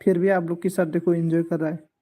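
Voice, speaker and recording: A man's voice: a little high, flat delivery, fast, mellow. A man hosting a casual live stream, greeting viewers by name and teasing them as he answers their comments.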